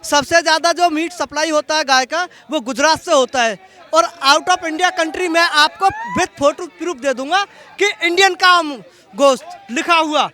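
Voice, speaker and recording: A man's voice: very high voice, unhurried, pushed and bright. A man making assertive claims in a street debate, mixing English words into his speech. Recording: crowd noise behind.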